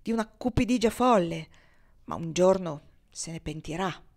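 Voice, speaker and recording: A woman's voice: on the low side, expressive, moderate pace, a little mellow. A woman reading the lines of a sensible, matter-of-fact woman who runs a saloon in a storybook reading.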